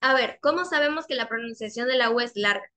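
A young woman teaching an online class over a video call. She patiently repeats her questions and draws out the example words slowly. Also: a little high, sharp tone. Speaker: English teacher.

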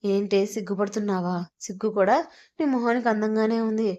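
A playful young husband from a romantic audio story, teasing and insistent with his wife. A woman reads him in her own middle-pitched voice. The audio is a little muffled. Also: steady tone, a little fast, darkish tone, lightly acted. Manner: teasing, coaxing.

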